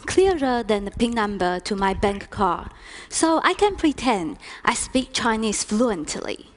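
A woman giving an expressive, deliberate staged talk performance. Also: medium pitch.

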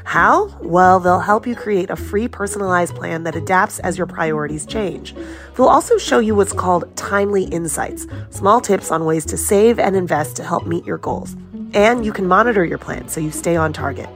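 A woman with a fairly low voice reads scripted podcast ads. Her delivery is smooth and upbeat, and faint music plays underneath. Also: normal speed. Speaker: ad reader for a podcast. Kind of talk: scripted ad read.

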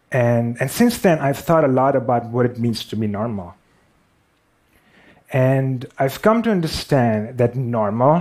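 A man's voice: mid-range voice, darkish tone. Wry man with a Pakistani accent. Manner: wry, self-deprecating humor. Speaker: speaker giving a talk. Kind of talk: storytelling conference talk.

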